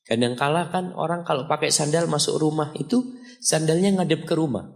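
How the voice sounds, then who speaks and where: A man preaches a sermon. He tells a story, and his voice climbs high and urgent at the key points. A long reverb trails each phrase, as if from a large hall. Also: a little fast, gravelly. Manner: storytelling, rising to high emphatic passages.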